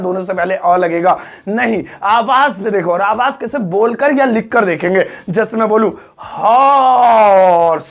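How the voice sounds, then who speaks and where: A man teaching an English grammar lesson, joking and teasing his students and drawing words out slowly. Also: high-pitched, vocal fry. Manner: joking, playful teasing of students, drawn-out slow-motion sounds.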